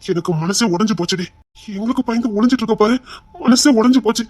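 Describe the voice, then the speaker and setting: A woman's voice: on the high side, darkish tone, dry recording, lightly acted. A woman playing a remorseful young husband. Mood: firm tender. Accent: Tirunelveli Tamil. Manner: pleading, repeats apologies rapidly. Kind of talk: amateur web-series drama acting.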